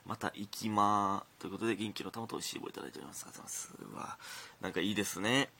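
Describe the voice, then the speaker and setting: A man's voice: sits low, steady tone, rapid-fire, gravelly, sharp tone, slightly rough. A young man with a Kansai accent, a comedian hosting his own talk show and telling stories in a rambling, chatty way. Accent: Kansai Japanese. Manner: chatty, rambling storytelling with frequent restarts. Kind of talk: casual monologue.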